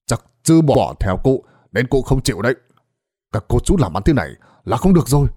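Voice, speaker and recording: A man voicing frightened villagers and a gruff old exorcist in urgent, rushed dialogue. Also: mid-range voice, sing-song, dark tone.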